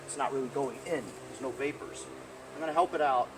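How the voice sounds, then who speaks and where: A man's voice: medium pitch, fairly quick, over music. A middle-aged man hosting a casual repair video in a sunny backyard, explaining each step in a chatty way and often asking "right?". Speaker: small-engine repair video host. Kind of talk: casual hands-on repair walkthrough. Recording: outdoor background noise.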